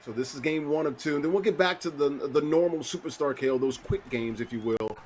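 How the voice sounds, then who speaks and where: Calling the action at a football video game tournament, a middle-aged man speaks fast in a slightly high voice that spikes with excitement on big plays. There's faint background noise in the recording.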